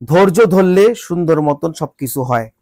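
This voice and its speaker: This Bangladeshi vlogger's warm, animated voice sits on the high side, though a cold has congested his nose and changed it. At a measured pace he delivers an exasperated scolding, asking rhetorical questions again and again. The sound is clean studio audio, echo-free.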